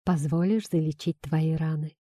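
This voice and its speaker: A confident, tender male doctor, as a woman reading the story puts him on, coaxing and teasing in a soft, low hush. The storybook voice sounds mellow and dark. It is close and dry, with no room around it. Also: steady tone, normal speed, dry recording.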